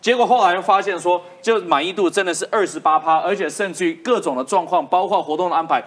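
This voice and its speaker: A woman with a Taiwanese accent delivers live political commentary on a talk show, speaking emphatically and repeating her points for effect. Her voice is fairly low and fast.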